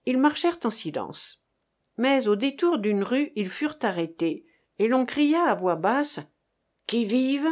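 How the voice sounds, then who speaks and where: Slow, high-voiced woman narrating. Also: sing-song. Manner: measured, dramatic reading. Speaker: audiobook narrator. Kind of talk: scripted narration.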